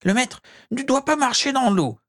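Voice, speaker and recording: A squeaky, whimpering house-elf. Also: male voice, sing-song, moderate pace, fairly bright tone, heavily acted. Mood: fretful. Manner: squeaky, whimpering, speaks of himself in third person. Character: pleading, servile male house-elf, small and frail.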